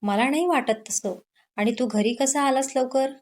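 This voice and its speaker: A woman's voice: high voice, moderate pace. A woman voicing a caring, teasing college-aged younger sister in an audio story. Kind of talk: Marathi audio story narration.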